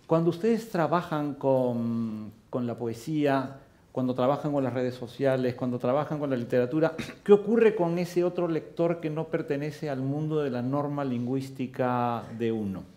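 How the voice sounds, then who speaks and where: A man's voice: medium pitch, normal speed, mellow. A man moderating a book fair round table, building long, careful questions with examples. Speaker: panel moderator.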